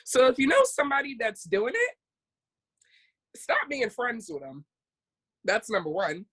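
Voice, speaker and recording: A woman co-hosting a casual podcast, with a voice a little higher than most. She tells her stories in a blunt, candid way and swears freely. Her talk is loose and unscripted. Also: huge pitch swings, unhurried, fairly bright tone, slightly rough, poor audio. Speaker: podcast co-host.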